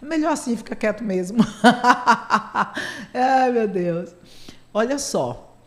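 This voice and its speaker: A woman's voice: on the high side, animated, takes it slowly. A woman, a psychotherapist hosting a casual radio talk, chatty and playfully sarcastic, laughing often.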